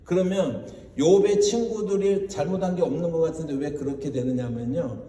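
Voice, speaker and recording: A man preaching a lively sermon in a church sanctuary, throwing questions out to the congregation. His voice is mellow and a little higher than most men's. It rings through a large, reverberant hall from some distance away. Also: normal speed, slight background noise. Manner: animated preaching, mocking quoted voices, asks the congregation questions. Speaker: pastor. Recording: roomy hall, voice from far off.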